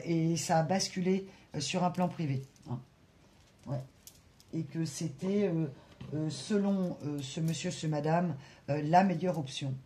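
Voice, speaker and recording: A French-speaking card reader giving a spiritual guidance reading, talking slowly with many hesitations and asides to spirit guides. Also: medium pitch, warm tone. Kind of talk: tarot-style guidance reading to camera.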